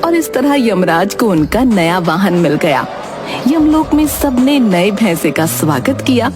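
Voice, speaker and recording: A woman's voice: mid-range voice, sing-song, measured pace, over music. A woman narrator reading a scripted children's cartoon story.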